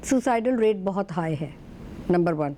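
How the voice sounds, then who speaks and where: A talk show guest, a woman with a warm, mellow voice, tells stories with animation and slips easily between Urdu and English. A faint low rumble sits under her studio recording. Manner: fluent mix of Urdu and English, animated storytelling.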